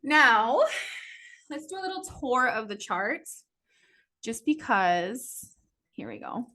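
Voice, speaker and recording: A woman's voice: on the high side, sing-song, slow pace, bright, forceful tone. A woman teaching a casual class, chatty and loose, full of "like" and "um" and frequent little laughs. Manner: chatty, peppered with "like" and "um", laughs often. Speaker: astrology teacher.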